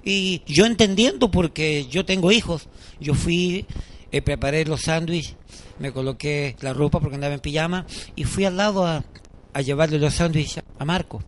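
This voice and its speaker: A middle-aged man preaching a sermon as pastor, telling lively anecdotes and acting out the people in them. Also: on the high side, moderate pace, a little hiss or hum. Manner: animated storytelling preacher, voices the people in his anecdotes.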